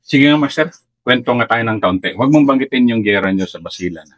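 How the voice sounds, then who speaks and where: A man's voice: medium pitch, lively intonation, fast, no room sound. A man from Mindanao, a former army colonel, asking easygoing, prompting questions in a casual interview. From Mindanao, Philippines.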